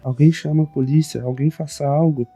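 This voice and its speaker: A man's voice: fairly high pitch, fairly even intonation, a little fast, mellow, breathy edge, soft background music. Easygoing young farmer hero, read by a man. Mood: urgent.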